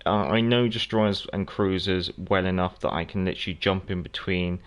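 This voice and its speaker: While playing on his livestream, a South African host who grew up speaking Afrikaans chats easily with viewers, reading their messages aloud and replying to each by name. He speaks at a moderate pace, his low voice keeping fairly even intonation.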